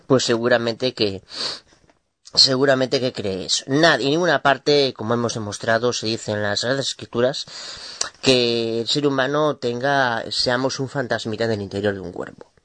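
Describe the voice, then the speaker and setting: A man's voice: medium pitch, normal speed, fairly bright tone, dry recording. Mocking man, dry close sound. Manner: mocking, insulting, stumbles over words. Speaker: host of a religious debate channel. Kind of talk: mocking commentary on video clips.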